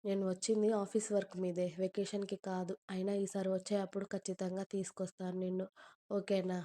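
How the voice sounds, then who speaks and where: A doting young boyfriend in a storybook reading, teasing and coaxing by turns, as a woman reads him out. The voice is warm and mellow. It keeps a level, even tone. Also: medium pitch, brisk, close to an everyday voice. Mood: tender.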